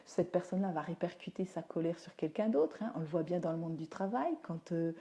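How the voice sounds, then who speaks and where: Warm-toned and on the low side, this woman talks a little fast during a livestream recorded on a phone or webcam. A teacher and parenting speaker, she keeps things casual and down-to-earth with lots of fillers while answering comments from viewers.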